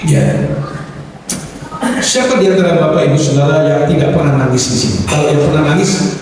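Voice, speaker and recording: A man with a high voice and an East Javanese accent preaches to his congregation, turning again and again to his listeners as he tells the story. He is heard from a distance in a large church hall with a long, ringing reverb. A soft murmur of room sound stays under his voice. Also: a little fast, a little hiss or hum. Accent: Indonesian, East Javanese. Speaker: pastor. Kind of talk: sermon.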